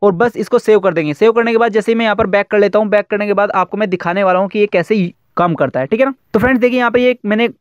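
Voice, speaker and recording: A young man hosting a casual tech tutorial, chatty and quick as he walks through an app step by step. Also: sits high, clear, resonant tone, no room sound, highs cut off. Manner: quick chatty explaining with fillers. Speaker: YouTube tech tutorial host.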